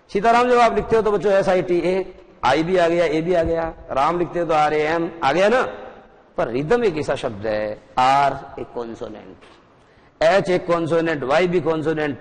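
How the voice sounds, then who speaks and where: A male teacher giving a televised English lesson to school students. He explains slowly and repeats words, mixing Hindi with English. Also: fairly high pitch, in a large hall, poor audio.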